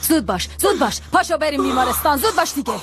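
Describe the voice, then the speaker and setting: A woman's voice: high voice, expressive, over music. A woman dubbing a stern, scornful older mother who scolds in a cutting way. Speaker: mother-in-law figure in a dubbed series. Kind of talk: dubbed TV drama acting.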